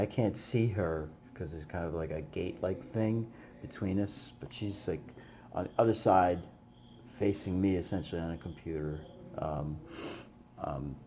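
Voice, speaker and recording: Male vlogger, low voice, loose chatty storytelling full of fillers, slight background noise. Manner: rambling, many fillers, animated when retelling. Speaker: vlogger, busking musician. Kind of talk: casual storytelling to camera.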